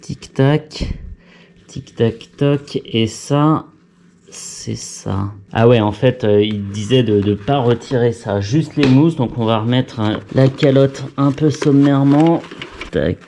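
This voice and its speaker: Guy tinkering and muttering to himself, warm low-key voice, bit of hiss behind. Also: unhurried. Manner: chatty, muttering to himself, self-mocking. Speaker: vlogger fitting a helmet intercom. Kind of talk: casual talk to camera while working.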